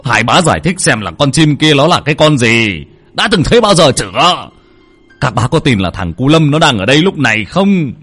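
Man voicing a panicked middle-aged villager, husky, swings from begging to yelling. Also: mid-range voice, very animated, fairly quick, pitched above the performer's own voice, full character voice. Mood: angry insistence. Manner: pleading, then shouting in alarm.

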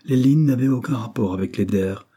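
A man narrating a classic novel as an audiobook, reading in a measured, expressive way. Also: medium pitch, breathy edge.

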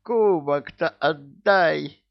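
A man's voice: fairly low pitch, sing-song, unhurried, dry recording, lo-fi sound. Guy doing a cranky tsar voice, bossy, dry close recording. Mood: angry. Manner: gruff, commanding. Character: stern irritable middle-aged tsar.

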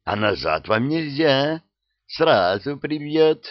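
A man's voice: mid-range voice, big pitch swings, slow, dry recording, pitched above the performer's own voice. A man voicing a carefree, cocky male labyrinth guide who drawls and teases. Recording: dull dry studio sound.

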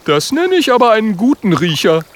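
A man voicing a curious young boy in a storybook reading, high and wondering. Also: big pitch swings, fairly quick.

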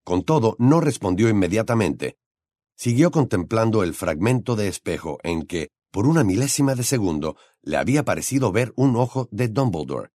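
A man narrating an audiobook in an expressive storytelling style. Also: on the low side, moderate pace, no echo, studio quality.

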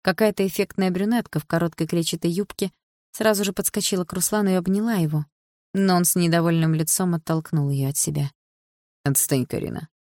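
In a measured, even storytelling style, a woman with a lowish voice narrates an audiobook. The recording is dry and has a clean studio sound.

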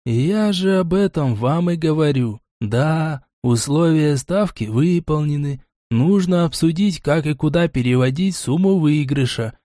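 A man's voice: a little high, animated, warm tone, dry recording, studio quality, voice pushed up. A man reading an audiobook, voicing a patient, pedantic male gnome bookmaker who speaks formally and precisely. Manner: polite, formal, measured. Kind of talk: audiobook character voice.

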